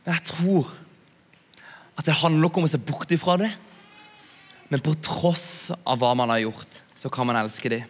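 A young man preaching to a youth audience in a relaxed, chatty way, often asking his listeners to agree. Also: a little high, pauses often, breathy edge. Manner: chatty, asks "ikke sant?" often. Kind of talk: sermon. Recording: long hall reverb.

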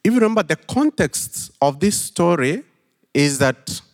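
Slow Kenyan man preaching in a hall. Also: fairly high pitch, very animated. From western Kenya. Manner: unhurried storytelling, thoughtful pauses and fillers. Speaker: pastor. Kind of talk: sermon. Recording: long hall reverb.

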